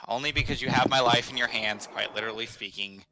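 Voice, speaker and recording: A man's voice: medium pitch, fairly quick, pushed and bright, no echo, poor audio. Man playing a snarky spoiled brat. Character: snarky spoiled young bratty adventurer.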